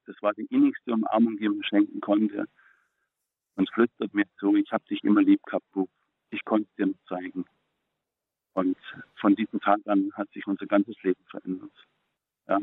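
A middle-aged man giving an earnest personal faith testimony as a guest, speaking haltingly and repeating words when moved. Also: fairly low pitch, dry recording. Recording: phone-like, narrow and dry.

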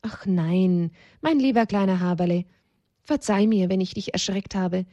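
A woman voicing a gentle, caring animal mother in a children's storybook, speaking softly and soothingly. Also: mid-range voice, normal speed, no echo, highs cut off, close to an everyday voice. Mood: tender. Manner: soft, soothing.

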